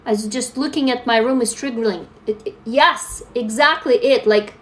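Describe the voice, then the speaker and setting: A woman's voice: fairly high pitch, moderate pace, a bit bright, slight background noise. A young adult woman from Russia, chatting candidly with viewers on a phone livestream and reading their comments aloud. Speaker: livestream host. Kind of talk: casual live-stream chat.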